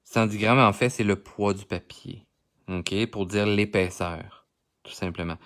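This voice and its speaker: A man with a medium-pitched, slightly bright voice and a Québécois accent hosts a live coloring lesson. The art instructor chats with the people watching while he works on the piece.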